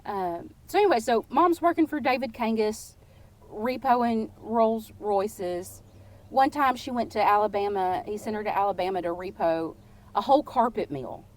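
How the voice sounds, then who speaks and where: A woman's voice: mid-range voice, normal speed. Playful woman telling stories. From Texas. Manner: lively, playful and warm-humored. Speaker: podcast guest. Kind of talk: casual storytelling.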